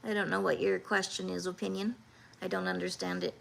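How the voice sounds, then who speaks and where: A woman in her fifties hosting a livestream, talking earnestly and haltingly, with many restarts, as she answers viewers' comments. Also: fairly low pitch, level tone, gravelly, a little hiss or hum. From Canada. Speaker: livestream host.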